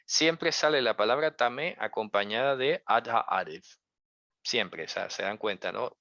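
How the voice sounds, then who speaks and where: A man's voice: medium pitch, expressive, measured pace, vocal fry, bright, forceful tone, no echo. A man teaching a religious lesson in a conversational way, asking many rhetorical questions and carefully hedging his interpretations. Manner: conversational, full of rhetorical questions and check-ins. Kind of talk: explanatory lesson. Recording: dull, dry lo-fi recording.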